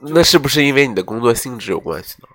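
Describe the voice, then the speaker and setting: A man's voice: medium pitch, rapid-fire, crowd noise. A young man hosting a casual podcast chat, telling a story and acting out the quoted lines. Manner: animated storyteller, acts out quoted dialogue. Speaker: podcast host.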